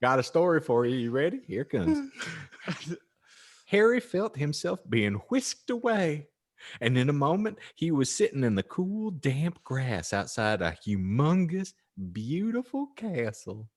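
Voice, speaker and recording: A podcast host with a fairly high, slightly mellow voice reads a story aloud. His comic audiobook narration has theatrical, mock-earnest flair, broken up by jokey, casual asides.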